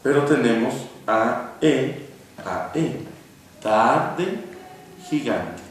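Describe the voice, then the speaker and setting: Man, teacher, patient, explanatory, slow, mid pitch, very echoey, distant mic. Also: expressive. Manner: patient, explanatory, spells out vowel sounds. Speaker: poetry teacher. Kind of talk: classroom lecture. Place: classroom. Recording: echoey room, recorded from afar.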